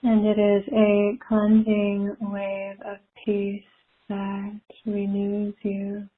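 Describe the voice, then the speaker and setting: Recorded from a live call, this spiritual guided meditation is led by a woman with a monotone, mid-range voice. She speaks gently and soothingly, leaving long silences, and the sound is muffled as if over a phone.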